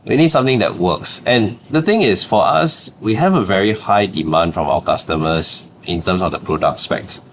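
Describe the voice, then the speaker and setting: With a low voice, lively intonation and few pauses at normal speed, this young man from Singapore tells stories as a podcast guest, over a little hiss or hum. A startup founder speaking Singaporean English, he laughs often and caps phrases with "lah."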